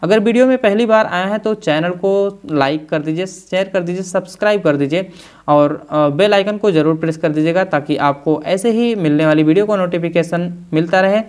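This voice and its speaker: A man's voice: high-pitched, normal speed, darkish tone, clean tone. A man, a repair instructor, explaining a tutorial step by step in speech, with fillers and repeated phrases.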